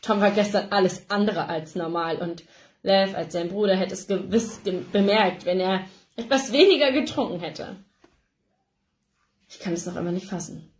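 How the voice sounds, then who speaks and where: A woman reading a first-person novel aloud in an emotive, expressive narration, recorded indoors. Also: mid-range voice, normal speed. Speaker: audiobook reader. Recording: roomy echo.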